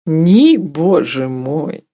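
A woman voicing a bold, handsome young male worker who flatters slowly and sweetly. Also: sits low, breathy edge, no room sound, studio quality, heavily acted. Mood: flattering.

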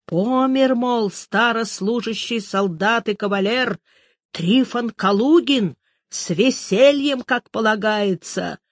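A reader voicing a proud old army veteran on his deathbed, barking drawn-out commands. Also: medium pitch, no room sound, clean studio sound. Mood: dying, solemn. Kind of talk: audiobook reading.

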